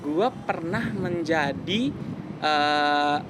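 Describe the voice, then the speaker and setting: Talking extremely slowly with lively intonation and a highish voice, this young West Javanese musician in his twenties reflects earnestly during a relaxed interview, mixing in bits of English. There's noise in the background.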